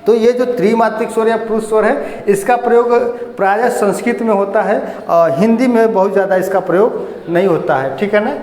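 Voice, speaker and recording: A man's voice: high voice, brisk, a little mellow. A male teacher faint explains a grammar lesson step by step and often puts questions to his students. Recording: echoey room with faint noise.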